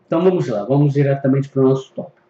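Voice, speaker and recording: A man's voice: mid-range voice, very fast, warm tone. A man teaching a recorded Greek grammar lesson, patient and explanatory, often repeating and reviewing terms. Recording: echoey, dull lo-fi room recording.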